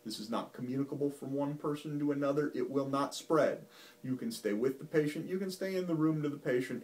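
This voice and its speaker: Folksy doctor explaining, heard from a distance. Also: male voice, medium pitch, a little mellow. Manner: folksy, plain-spoken, patiently explaining. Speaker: physician. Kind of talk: medical explainer talk to camera. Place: doctor's office.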